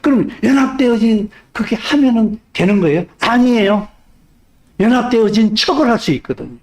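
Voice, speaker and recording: With a high-pitched, expressive voice and a brisk delivery, a male pastor preaches, firing rhetorical questions at the congregation and alternating between forceful appeals and hushed moments.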